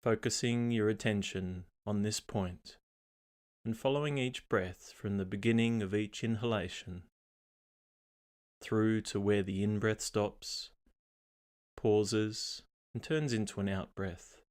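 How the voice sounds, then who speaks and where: Speaking in a lowish voice, a man reads from a guided meditation script at a calm, unhurried pace, measuring his words and pausing between phrases.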